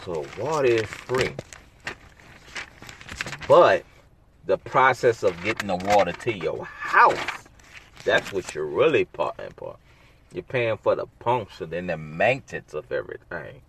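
A man talks slowly in a fairly low voice on a solo podcast. He rambles in a blunt, sarcastic way, full of slang. A steady noise hisses under his voice. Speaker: podcast host. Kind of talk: casual solo podcast monologue.

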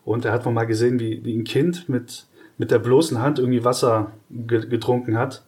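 A man co-hosting a podcast, explaining ideas in casual conversation with hesitant restarts and lively, exaggerated examples. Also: mid-range voice, brisk. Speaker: podcast co-host.

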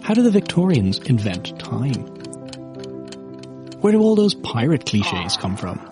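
A man's voice: mid-range voice, very animated, a little slow. A man reading a scripted podcast promo, with a punchy delivery of questions. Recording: promo with music under it.

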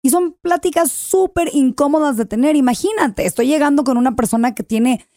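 A Mexican woman chatting as a podcast guest, with a fairly high voice. She talks candidly and animatedly and swears freely. The sound is close and dry, with no room echo. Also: fairly quick. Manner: candid, animated storytelling with profanity. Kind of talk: casual podcast chat.

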